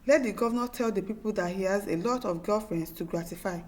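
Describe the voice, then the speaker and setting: A Nigerian-accented woman hosts an opinionated news commentary, reading viewer comments fast in a medium-pitched, darkish voice. She sounds exasperated and emphatic, repeating herself and firing off rhetorical questions.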